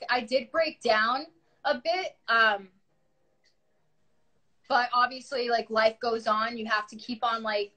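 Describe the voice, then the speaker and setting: A woman's voice: on the high side, sharp tone. Young woman with a New York accent. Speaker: musician interviewed on a livestream. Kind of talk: casual livestream chat.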